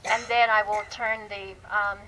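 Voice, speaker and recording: A woman historian and researcher gives an informal, explanatory history presentation at a live panel event, often hesitating and correcting herself. Her mid-range voice has a flat delivery and sharp tone, and the event microphone yields poor audio with faint background noise.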